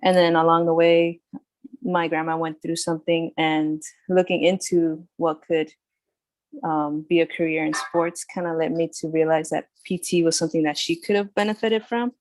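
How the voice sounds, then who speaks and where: A woman's voice: low voice, flat delivery, normal speed, darkish tone, no room sound. A young woman from California introduces herself in a chatty way, saying "like" often. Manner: chatty, lots of "like". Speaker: new student.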